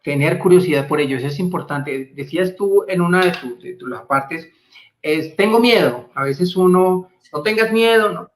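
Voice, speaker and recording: A man's voice: a little high, moderate pace. A man hosting a live interview, reading out viewer questions with brief affirmations and some stumbling restarts. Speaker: host.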